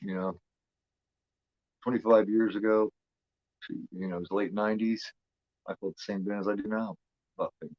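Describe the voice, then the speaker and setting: A man's voice: fairly low pitch, steady tone, normal speed, long pauses, no room sound, lo-fi sound. A man of fifty talks casually and rambles, repeating himself with lots of fillers and the odd curse. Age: 50s. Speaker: host. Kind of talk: casual watch-along commentary.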